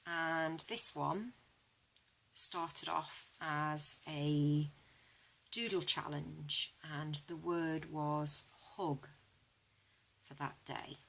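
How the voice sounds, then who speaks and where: A woman, narrating an art journal flip-through in a relaxed, chatty way with frequent ums, hoarse as she loses her voice. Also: extremely slow, poor audio. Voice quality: low, flat and gravelly voice.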